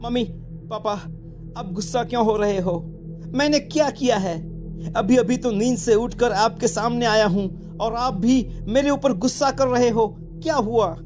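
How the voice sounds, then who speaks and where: A voice actor plays a twenty-year-old son who cannot explain what is happening to him. He talks earnestly and defensively at a middle pitch. Lively cartoon music sits behind the voice. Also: unhurried, close to an everyday voice. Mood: earnest, confused. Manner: earnest, protesting. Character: young man of twenty, puzzled and jumpy. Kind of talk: Hindi cartoon voice acting.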